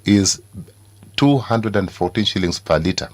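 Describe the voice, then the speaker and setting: A man with a Kenyan accent, a studio guest on a morning radio show, speaking deliberately and insistently with many fillers. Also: low-pitched, animated, a little mellow, dry recording. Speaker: studio guest, party executive. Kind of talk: political talk show discussion.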